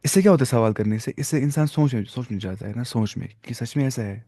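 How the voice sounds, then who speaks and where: Mellow-voiced man teaching Arabic grammar. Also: medium pitch, no room sound, clean studio sound. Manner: explains in Urdu mixed with English, reads Arabic examples slowly; conversational, with fillers and self-corrections. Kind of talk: explanatory grammar lesson.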